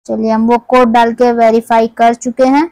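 A woman's voice: fairly high pitch, level tone, normal speed, darkish tone, no room sound, poor audio. A woman host from India walking viewers step by step through an app in a conversational tutorial voice-over. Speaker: tech tutorial channel host. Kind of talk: screen-recorded app tutorial.

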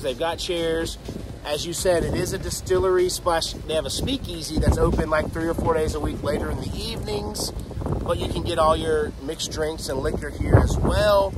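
A man in his thirties hosting a casual brewery review outdoors, with an upbeat, relaxed rundown. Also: fairly high pitch, heavy background noise. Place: outdoors by a parking lot.

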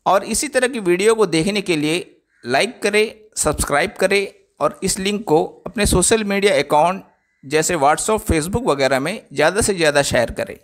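A man's voice: high-pitched, fairly bright tone. A man giving voice-over narration for a travel vlog, speaking directly to his viewers and explaining the way around. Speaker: travel vlogger.

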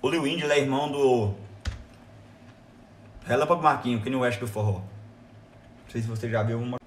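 A man's voice: mid-range voice, normal speed, echoey room, slight background noise. Chatty Brazilian man streaming from home. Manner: chatty and excitable. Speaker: livestream host. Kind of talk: casual live-stream chat. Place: at home beside a computer.

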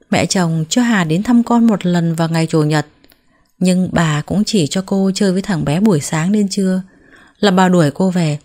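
A woman narrating a family drama story in a calm, measured, emotive reading. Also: fairly low pitch.

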